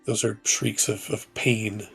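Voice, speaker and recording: Slow, gravelly-voiced man narrating a game. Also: lowish voice, level tone, soft background music. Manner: slow, measured descriptive narration. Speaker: game master.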